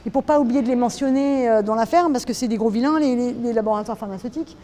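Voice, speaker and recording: Woman, French accent, mellow voice, hesitant casual explanation, self-mocking asides. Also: fairly high pitch, fast, a little hiss or hum. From France. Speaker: artist giving a guided tour of her drawing.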